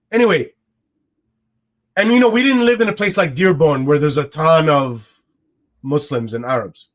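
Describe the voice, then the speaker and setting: On a casual podcast, a male co-host in his forties whose first language is Arabic thinks out loud, frequently starting over. His voice is high and a bit bright, captured in dull lo-fi sound.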